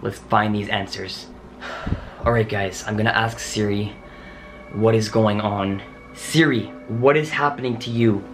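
A young adult man vlogs a dramatic paranormal challenge from a small home office, speaking urgently to camera with exclamations and sighs. His voice is on the low side and steady, a little slow, with music playing in the room behind him.

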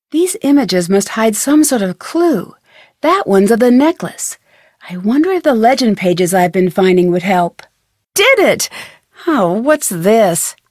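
Playing a curious, determined young detective in a video game, a woman thinks aloud in crisp, triumphant speech with an American accent. Her voice sits on the high side, captured in a dry, studio-quality recording.

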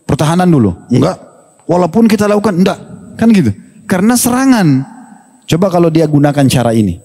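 Male preacher, mellow higher voice, lively joking delivery, long hall reverb. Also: fairly quick. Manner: animated, humorous, acts out quoted dialogue. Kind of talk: religious Q&A talk.

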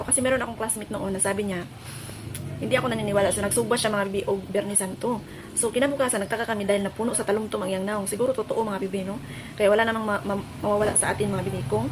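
Hoarse woman vlogger chatting. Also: medium pitch, noisy background. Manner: chatty, constantly addressing viewers with pet names. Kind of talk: casual chat to viewers.

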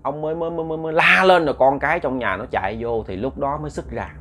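Telling a ghost story in a loose, casual way, a man talks fast in a fairly high, slightly bright voice, stumbling over repeated words and often turning to address listeners directly. A little hiss or hum is audible.

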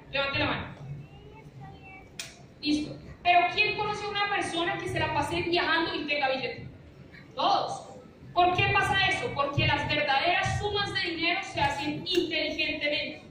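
Her very high-pitched voice sounds pushed and bright as she runs a punchy finance seminar, motivational and rhetorical, often checking "¿listo?" with the room. She's a young woman in a large lecture room with a projector screen. The audio comes from someone's phone camera in the audience, far away, echoey and faintly hissy.

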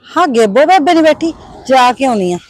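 A woman's voice: high voice, lively intonation, fairly quick. A woman playing a village headman's worried wife, with a Punjabi accent, complaining about her husband. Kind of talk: village comedy drama.

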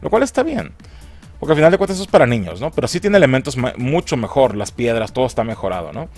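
Animated man reviewing a trailer. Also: medium pitch, fast, faint music behind. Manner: swearing, laughing, animated. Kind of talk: casual commentary.

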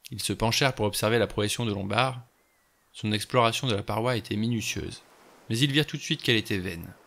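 A man reading a novel aloud in an even, measured way. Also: on the low side, creaky. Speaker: audiobook reader.

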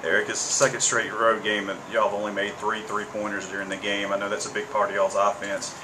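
A male sports reporter asking quick, conversational questions at a press conference. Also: on the low side. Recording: steady air-conditioning hum.

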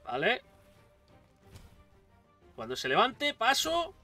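Excitable man, Spain Spanish accent, high bright voice, let's play commentary, sits back from the mic over game music. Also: slow, far from the mic. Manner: excitable, swears and yells at the game. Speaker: gaming YouTuber.

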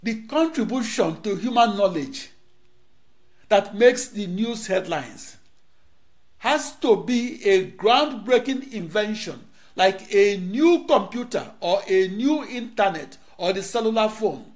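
Expressive and high-pitched, a middle-aged man from Nigeria who speaks Igbo natively gives a rehearsed studio lecture on a lapel mic. He declaims in short phrases, leaving dramatic pauses between them.

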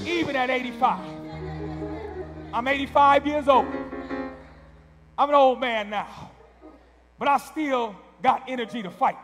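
Middle aged pastor guy preaching loud, really high voice, big echoey church hall. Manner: preaching loudly with rising repeated calls. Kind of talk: sermon. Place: large wood-paneled church sanctuary. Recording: long church hall reverb.

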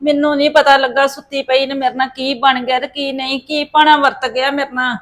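A woman's voice: sits high, level tone, a little fast, fairly bright tone. An older woman acting as a distraught grandmother who laments her missing grandson in a family drama. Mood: fretful. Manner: wailing, lamenting.

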